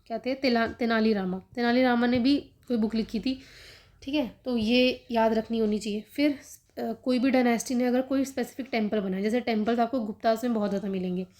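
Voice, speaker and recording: A young woman teaching exam prep in a quick, chatty way, sprinkling in fillers as she explains. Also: a little high, a little mellow. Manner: fast, chatty, frequent "theek hai" fillers. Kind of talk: casual study-guidance talk, Hindi-English mix.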